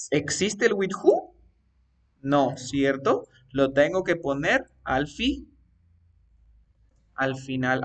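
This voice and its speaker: A man's voice: fairly high pitch, recorded from a distance. A man teaching an English grammar lesson, coaxing his students step by step with repeated questions. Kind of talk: live online grammar lesson.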